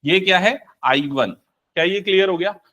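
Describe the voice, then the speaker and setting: A young man teaches a live maths class in Hindi mixed with English terms, firing questions at students and answering them himself. His voice sits high and sounds pushed and bright, at a normal speed.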